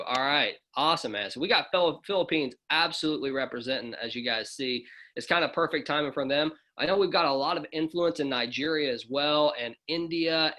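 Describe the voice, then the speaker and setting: A man hosting an online promotional call, energetic and hyping up the audience. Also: fairly high pitch. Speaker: host of an online overview call.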